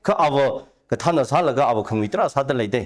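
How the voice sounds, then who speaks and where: A man speaking at length as a talk show guest, giving long animated explanations with rising emphasis. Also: medium pitch, fast. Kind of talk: conversational discussion.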